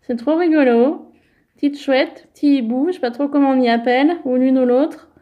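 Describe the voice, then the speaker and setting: Chatting casually, a woman vlogger shows off crafting mail she received, speaking gently at a normal speed in a high voice and sprinkling in little connecting filler words. The recording has its highs cut off.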